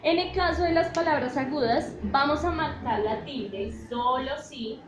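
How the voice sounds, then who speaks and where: Female teacher; slow, high-ish delivery, keeps checking the class; recorded in a roomy space. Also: a crowd in the background. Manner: checks in with "¿listo?" often, spells out letters. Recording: echoey room with faint noise.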